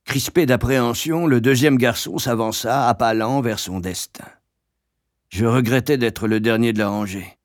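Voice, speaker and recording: A man narrating an audiobook in a measured, grave storytelling manner. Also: mid-range voice, dry recording, clean studio sound.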